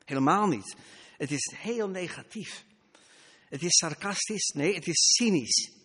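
Slow high-voiced male preacher in a hall. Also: expressive, fairly bright tone, husky. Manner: emphatic, rising and falling for emphasis. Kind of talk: sermon.

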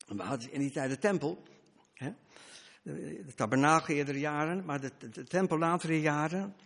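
A man's voice: a little high, moderate pace, vocal fry, fairly bright tone, long reverb tail. A man preaching a sermon, emphatic, his voice rising and dropping for stress.

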